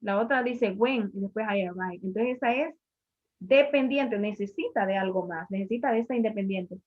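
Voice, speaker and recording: A woman with a medium-pitched voice teaches an English grammar class at a moderate pace, patiently explaining and repeating each point in the classroom. The recording is muffled and lo-fi.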